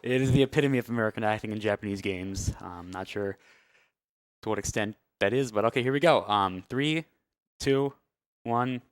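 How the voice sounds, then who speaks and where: Loud game music plays as a speedrunner offers low-key, hesitant, casual commentary during his run of a video game. His lowish voice is clear and resonant at a moderate pace, with no room sound.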